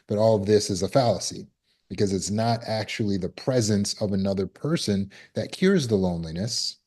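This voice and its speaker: A man's voice: on the low side, moderate pace, darkish tone. A man giving a conversational self-help talk as a trauma recovery coach, acting out scenes and quotes as he goes.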